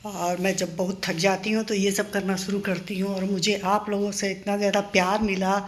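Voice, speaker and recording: A woman's voice: medium pitch, level tone, moderate pace. An older woman chatting in a casual home vlog, reminiscing and encouraging her viewers. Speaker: vlogger. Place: home in a paying-guest house.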